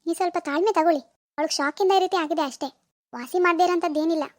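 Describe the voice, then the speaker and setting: A woman voicing a calm doctor in a cartoon, explaining patiently and reassuring the worried parents. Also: extremely high pitch, very fast, no echo. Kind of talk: Kannada cartoon voice acting.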